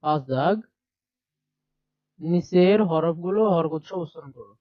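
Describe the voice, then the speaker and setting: This screen-share textbook lesson features a man walking a primary class through the material step by step, repeating letter sounds out loud. He speaks at a fairly high pitch and a little slowly. There's no echo, though the sound is dull.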